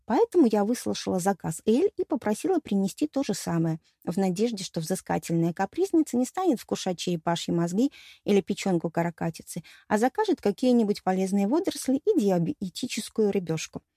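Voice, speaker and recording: A woman reads a fantasy novel aloud in the first person, with a wry, storytelling delivery. Her voice is warm and mellow, and it sits at a middle pitch. The sound is dry and close to the mic. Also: sing-song, brisk, breathy edge, no room sound. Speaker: audiobook narrator. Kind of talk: scripted first-person narration.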